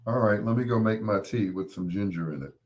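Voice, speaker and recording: On his late-night radio show, a middle-aged man with a very low, cold-hoarsened voice rambles along in a loose, folksy style. He chuckles at his corny jokes while talking fairly quickly with a darkish tone.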